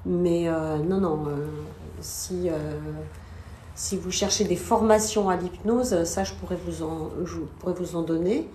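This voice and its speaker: A woman in her fifties explaining things casually on a live stream as a hypnotherapist, in a hesitant, halting way. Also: lowish voice, warm tone. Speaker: hypnotherapist guest. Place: small indoor room. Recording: echoey room, noisy background.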